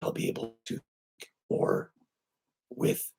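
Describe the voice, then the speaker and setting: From his home computer, a man runs a laid-back live stream, his voice weak, breathy, and raspy, hoarse and short of breath. His speech halts often, filled with fillers and restarted phrases, but turns lively whenever he greets viewers. He uses a computer microphone.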